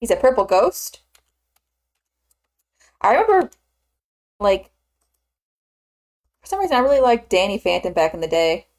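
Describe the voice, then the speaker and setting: A woman's voice: medium pitch, very animated, measured pace, long pauses, darkish tone. A woman in her twenties from the American South, chatting casually as a streamer while she works, rambling with lots of filler words. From Southern United States. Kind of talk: casual chat while 3D modeling.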